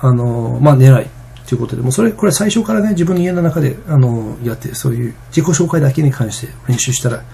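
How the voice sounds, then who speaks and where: Fast, gravelly, husky-voiced man. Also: medium pitch, animated, dark tone. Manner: rambling, many fillers and restarts. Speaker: vlogger. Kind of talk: casual vlog monologue.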